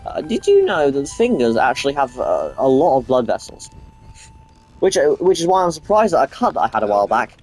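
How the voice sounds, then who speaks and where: A man's voice: mid-range voice, wildly swooping pitch, fairly quick, a little mellow. A man giving casual gameplay commentary, rambling, swearing freely and restarting his sentences. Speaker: gamer playing on camera.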